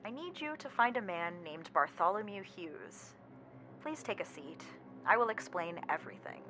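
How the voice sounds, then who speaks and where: A woman voicing a dying caller whose speech comes through a synthesized voice, measured and formal. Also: medium pitch, expressive, bright, forceful tone. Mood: flat urgent.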